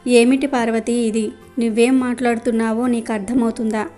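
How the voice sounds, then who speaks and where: A woman's voice: fairly high pitch, level tone, brisk, warm tone, faint music behind, lightly acted. A woman voicing a poor, devout male householder who talks in an earnest, pleading way, in a storybook telling. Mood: distressed.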